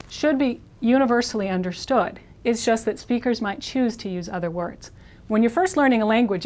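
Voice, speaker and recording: A woman teaching a Spanish lesson, modeling words slowly and repeating each one. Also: medium pitch. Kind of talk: video language lesson.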